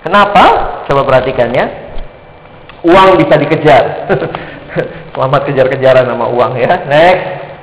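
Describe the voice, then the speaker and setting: A man preaching a sermon in a lively, joking way, acting out quoted voices. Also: medium pitch, unhurried, long pauses, roomy sound, big-room sound, slight background noise, rough recording.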